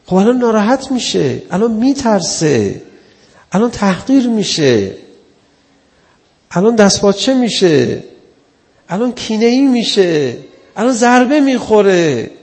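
Man, preacher, earnest sermon, high voice, gravelly, long hall reverb. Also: very animated, pauses often, darkish tone. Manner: earnest, conversational, acts out quoted people. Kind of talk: religious sermon.

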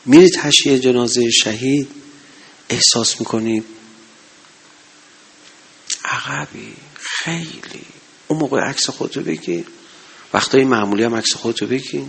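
A man preaching a sermon to a gathering, impassioned, swinging between loud exhortation and low murmurs. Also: creaky, husky. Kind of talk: religious sermon.

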